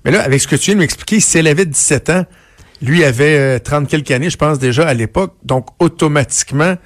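A man's voice: fairly high pitch, fast. A man with a Quebec French accent leads a morning news interview. He builds his questions in a loose, conversational way, full of hesitations and restarts. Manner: conversational, many fillers and restarts while framing questions. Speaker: radio host.

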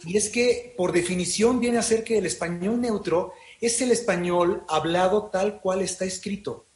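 High-voiced Mexican voice actor on a panel. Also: male voice. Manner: animated storyteller, quick. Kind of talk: panel talk. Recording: roomy virtual panel audio.

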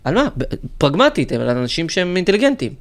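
Male co-host, lively storyteller, higher-pitched than most men. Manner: storytelling, mimics shouting protesters. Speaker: podcast co-host. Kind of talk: casual political chat.

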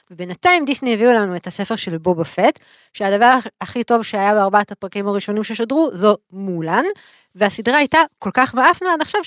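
A woman co-hosting a podcast, chatting casually and retelling a TV episode in an excited, rambling way full of fillers. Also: mid-range voice, no room sound, studio quality. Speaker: podcast co-host. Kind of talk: casual chat.

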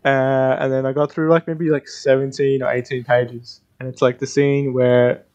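A man's voice: mid-range voice, little pitch movement, moderate pace, darkish tone, dull audio. A man co-hosting a radio show, telling a story in casual chat with lots of "like" fillers. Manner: rambling, many "like" fillers.

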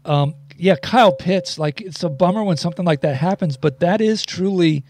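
A man's voice: high-pitched, moderate pace, a little mellow. A man hosting a podcast, talking in a loose, chatty way with plenty of ums. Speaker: podcast host. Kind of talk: casual podcast chat.

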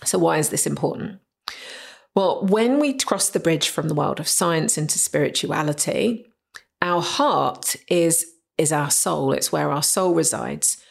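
A woman with a low, husky voice hosts a solo podcast. She has a gravelly edge and explains her points with eager emphasis, often stopping to ask rhetorical questions. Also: animated, a little slow. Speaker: podcast host.

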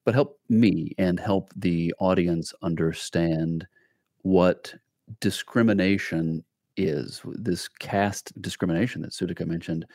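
A man hosting an interview podcast, asking measured, probing questions. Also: sits low, fairly even intonation, darkish tone, no room sound, studio quality. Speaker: podcast host.

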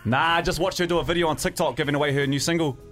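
A man's voice: on the high side, steady tone, very fast, fairly bright tone, soft background music. A man with a New Zealand accent co-hosting a radio show with casual banter. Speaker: radio host.

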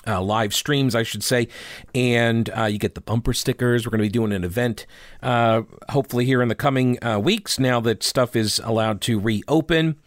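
A man hosting a talk podcast with a slightly harsh, hoarse voice, speaking informally and with opinion. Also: medium pitch, moderate pace, no room sound, clean studio sound. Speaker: radio and podcast host. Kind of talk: conversational talk show monologue.

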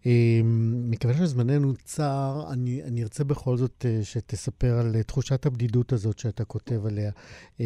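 A male interviewer asking probing, measured questions in a radio interview. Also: medium pitch, mellow, no room sound.

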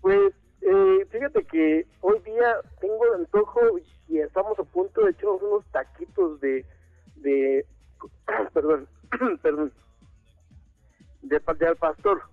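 A man's voice: sits high, big pitch swings, slow pace, long pauses, dry recording. A man with a Mexican accent calling in to a radio show over the phone, joking and chummy in a casual chat. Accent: Mexican Spanish. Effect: phone line call-in. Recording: tinny dry phone line, faint music.

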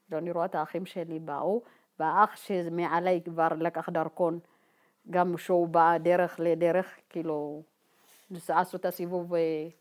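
Halting woman from Ethiopia, slightly low voice. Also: darkish tone. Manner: halting and informal, many fillers, acts out remembered dialogue. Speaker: guest telling her life story. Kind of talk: personal testimony told to a group.

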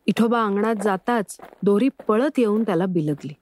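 A woman narrating a story in a calm, measured reading voice. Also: medium pitch.

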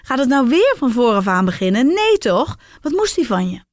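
A woman voicing a teasing, gently disapproving male colleague in a read-aloud diary story. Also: on the high side, sing-song, moderate pace, dry recording, clean studio sound, voice pushed up.

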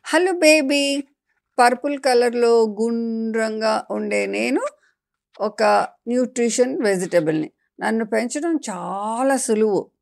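A woman voicing a friendly, know-it-all talking eggplant in a children's story, lecturing in a lively, playful way. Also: a little high, slow pace, vocal fry. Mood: chatty, teaching.

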